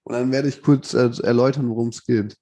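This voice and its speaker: A man's voice: medium pitch, fairly even intonation, brisk, mellow. Playful man co-hosting a podcast. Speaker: podcast co-host. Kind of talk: casual chat.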